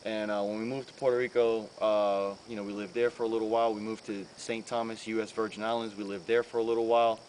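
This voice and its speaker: A man's voice: lowish voice, little pitch movement, fast talker, few pauses, darkish tone, echoey room, slight background noise, rough recording. A man in his thirties from the Bronx, a graffiti artist chatting in a casual interview, rambling with many fillers. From the Bronx, New York. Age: 30s. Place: outdoors.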